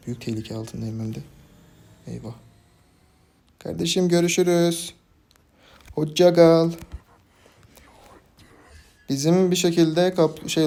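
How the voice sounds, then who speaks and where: A young man commentating his own gameplay for a video, swinging from calm play-by-play to frustrated outbursts at his teammates. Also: medium pitch, a little hiss or hum. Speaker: gaming YouTuber.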